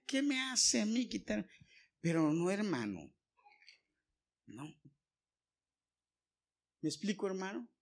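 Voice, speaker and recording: A man preaching a sermon, telling anecdotes with quoted dialogue and direct asides to the congregation. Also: a little high.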